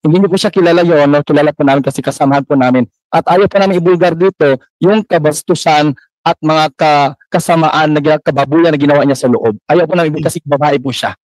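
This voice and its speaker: Man, church minister, fairly high voice, impassioned, deferential, polite hearing testimony, dry close sound. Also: fast, darkish tone, no room sound, low-quality recording. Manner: impassioned, deferential, heavy use of polite particles. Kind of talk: formal testimony at a public hearing.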